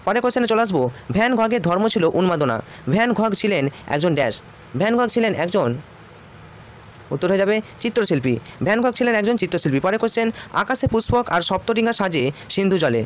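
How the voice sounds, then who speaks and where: A man talks fast and high as he works through exam questions. He reads each question, then states and repeats the answer for students. Faint traffic noise runs behind him. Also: animated. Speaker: teacher.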